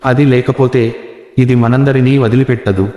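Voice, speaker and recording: A man's voice: medium pitch, fairly even intonation, dark tone, natural voice. Grim old village man, read by a man. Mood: grave. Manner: slow, grave warnings. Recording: roomy echo with long reverb.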